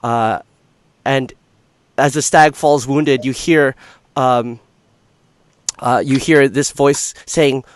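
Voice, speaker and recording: A man acting as game master, improvising narration for a tabletop game in halting, hesitant phrases. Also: medium pitch, steady tone.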